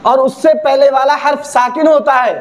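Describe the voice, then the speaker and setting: A man with a strikingly high voice teaches Quran reading in a video lesson, with faint noise behind him. He asks a question, answers it himself, then repeats the point. He slows down to spell out the letter sounds. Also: fairly even intonation.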